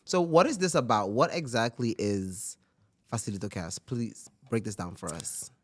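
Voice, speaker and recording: A woman's voice: extremely low pitch, moderate pace. A woman chatting casually as a podcast co-host, blunt and teasing in her slang. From Aruba. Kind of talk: casual chat.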